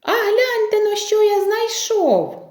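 A woman voicing a hardworking, cheerful little rooster in a storybook tale, calling out in a high sing-song voice. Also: wildly swooping pitch, takes it slowly, a little mellow, full character voice. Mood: calling cheerfully. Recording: echoey room.

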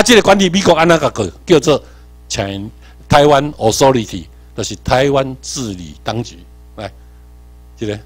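A man from Tainan with a Taiwanese accent, giving an animated workshop lecture, quizzing the audience and swinging between emphatic and muttered asides. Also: a little high. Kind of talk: seminar lecture mixing Hokkien and English terms.

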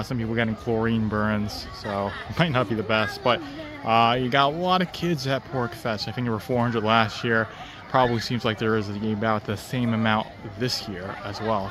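Easygoing rambling man vlogging. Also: lowish voice. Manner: easygoing and rambling, laughs between thoughts. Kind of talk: casual vlog narration.

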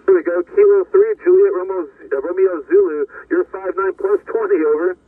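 Guy on a ham radio call, friendly quick patter, thin far-off signal. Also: high-pitched, breathy edge, no room sound. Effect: heard over a ham radio receiver. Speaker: ham radio operator calling in. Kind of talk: radio contact exchange of call signs. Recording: tinny distant radio signal with faint static.

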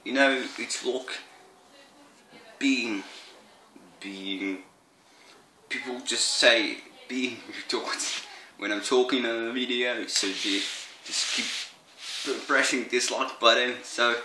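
A man talks slowly and haltingly in a casual home vlog, his tone bright and forward, his tired voice sounding strained. The room around him is echoey. He stumbles through fillers and repeats words. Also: medium pitch, steady tone, slight background noise. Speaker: vlogger. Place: indoor room.

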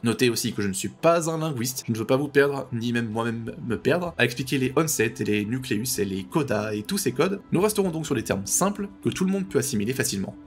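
A man with a mid-pitched voice talks through a language tutorial, patient and clear. He slows down to repeat each sound carefully. Faint music plays underneath. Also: lively intonation. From French-speaking. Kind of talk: explanatory tutorial narration.

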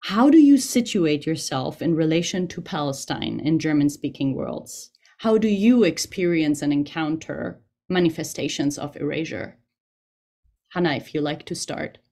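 A woman's voice: low-pitched, animated, normal speed, mellow. A woman moderating a panel on a video call, polite and organizing, sometimes stumbling over words.

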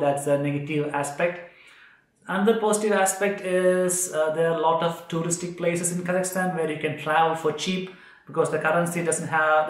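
A vlogger in his thirties from Kerala, India, whose first language is Malayalam, chats casually to the camera in a small kitchen, using lots of fillers and restarts. His voice is on the high side with an Indian accent, recorded by a camera a short distance away in an echoey room.

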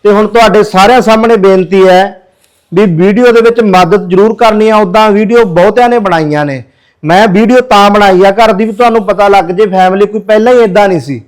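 High, smooth-voiced man making an earnest appeal. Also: a little fast, poor audio. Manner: earnest, pleading, addresses viewers as brothers. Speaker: social worker. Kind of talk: charity appeal walkthrough video.

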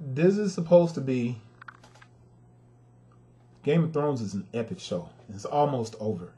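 A man at a middle pitch runs through a casual sneaker review in a warm, dark-toned voice. He talks straight to his viewers, emphatic and plainly frustrated, and often lands on blunt verdicts. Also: sing-song, measured pace. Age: adult with a son.

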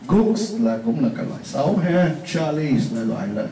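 A man's voice: fairly high pitch, lively intonation, moderate pace, mellow. A man teaching a class, explaining things in a chatty way with repeated examples and asides. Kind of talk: classroom lesson. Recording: roomy, distant mic, faint hiss.

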